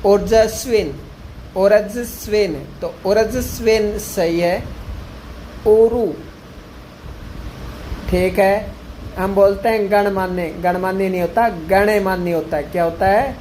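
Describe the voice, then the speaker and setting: A male teacher giving an exam-prep grammar lesson, repeating each word slowly to drill it. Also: high voice, mellow, slight background noise, poor audio.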